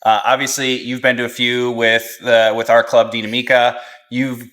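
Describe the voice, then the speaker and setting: Man, podcast host, mid pitch, easygoing, open questions, casual. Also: little pitch movement, moderate pace, fairly bright tone.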